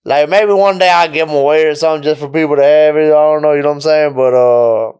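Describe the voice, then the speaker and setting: A man's voice: fairly high pitch, fast talker, clear, resonant tone. A man, telling his story casually as a rapper guest on a podcast. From Mexico. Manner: relaxed storytelling, frequent "you know what I'm saying".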